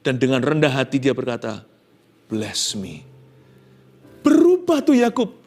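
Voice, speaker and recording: A man preaching a sermon as a pastor, swinging between loud emphatic lines and hushed, tearful acted pleas, with English phrases mixed in. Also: mid-range voice, wildly swooping pitch, brisk. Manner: dramatic preaching, acting out Jacob's pleas in hushed tones.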